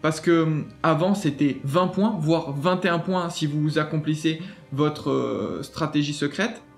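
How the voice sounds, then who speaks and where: A man's voice: a little high, measured pace, gravelly. A man hosting a gaming channel, walking through a website in a chatty, enthusiastic way with many fillers and restarts. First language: French. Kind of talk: casual screen walkthrough.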